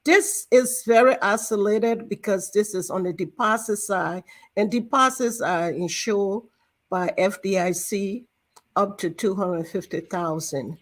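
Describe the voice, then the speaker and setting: A woman in her sixties from Liberia, a banking director guest in an interview, talking in a measured, explanatory way with frequent fillers. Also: mid-range voice. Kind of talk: interview talk.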